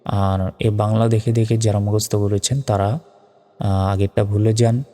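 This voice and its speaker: A man with a Bangladeshi Bengali accent teaching Quran pronunciation, spelling out each word letter by letter and chanting it slowly. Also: fairly low pitch, steady tone, dark tone. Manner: spells words letter by letter, drawn-out chanted recitation. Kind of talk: spoken lesson on Quran pronunciation. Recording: long reverb with faint music.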